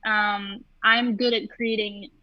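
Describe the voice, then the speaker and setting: Young woman, voice actress, casual livestream chat, animated, muffled lo-fi sound. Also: medium pitch, takes it slowly, dry recording. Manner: chatty, animated storytelling. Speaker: voice actress, co-host.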